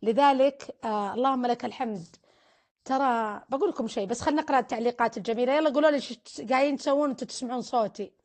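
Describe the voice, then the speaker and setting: Female family counselor, a bit high-pitched, chatting casually on a live stream. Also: racing, a little mellow. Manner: chatty, teasing, offers blessings and prayers. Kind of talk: casual live-stream chat reading viewer comments.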